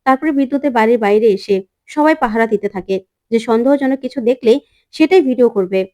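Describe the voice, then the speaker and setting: A woman retells the events of a television serial in a plain, running narration. Her voice sits a little high for a woman. She moves steadily from scene to scene. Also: fast, warm tone, soft background music. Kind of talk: casual story retelling.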